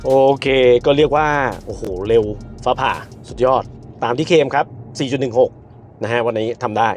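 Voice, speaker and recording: A man reviewing a car from behind the wheel, counting down launches and shouting in excitement at the speed. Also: medium pitch, moderate pace, faint music behind. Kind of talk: car review while driving. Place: inside a car on the road.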